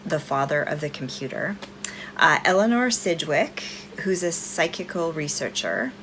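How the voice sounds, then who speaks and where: A woman's voice: deep voice, unhurried. A woman hosting a film review vlog, chatting informally and enthusiastically to her viewers, with a fan running behind her. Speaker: host of a horror film review channel. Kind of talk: casual chat to viewers. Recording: steady fan noise behind the voice.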